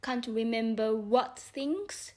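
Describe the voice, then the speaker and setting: A woman voicing a stern, contemptuous caterpillar in a storybook reading, speaking curtly with drawn-out emphasis. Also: fairly high pitch, mellow. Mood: commanding. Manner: curt, slow, drawn-out emphatic delivery.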